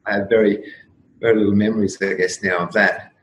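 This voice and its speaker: A man in his fifties with a lowish voice, talking in a loose and reflective way as a podcast guest and often pausing on fillers. The room sounds roomy and hollow, with a faint hiss underneath. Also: fairly even intonation. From grew up in Singapore, Ireland and Australia. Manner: rambling, reflective, frequent fillers. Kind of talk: casual conversational interview.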